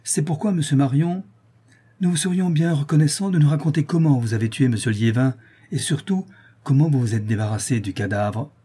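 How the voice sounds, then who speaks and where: Guy reading a story doing a calm mocking accuser, bit higher voice, husky. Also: a little fast. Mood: coolly mocking. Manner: cool, mocking and relentless. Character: calm, ironic man confronting a murderer.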